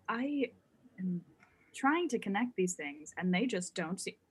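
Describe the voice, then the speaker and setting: A young man whose first language is German joins a casual podcast chat as a guest comedian, speaking over a video call through earbuds. His high, husky voice is sing-song, slow and fairly bright. He rambles playfully and keeps interrupting himself.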